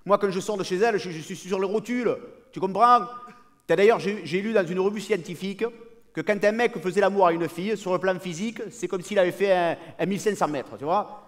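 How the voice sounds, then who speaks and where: A man playing a cocky, high-voiced cheating husband. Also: fairly quick, close to an everyday voice. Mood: boastful. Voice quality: cocky, excitable, talks over an unheard partner. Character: brash boastful cheating husband, adult man. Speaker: comedian. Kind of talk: live stand-up character monologue.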